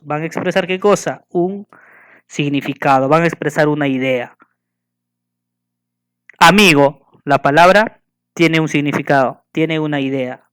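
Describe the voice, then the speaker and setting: A man giving a school lesson, patiently asking the listener questions and slowly spelling and counting things out. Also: a little high, a bit bright, smooth. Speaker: teacher.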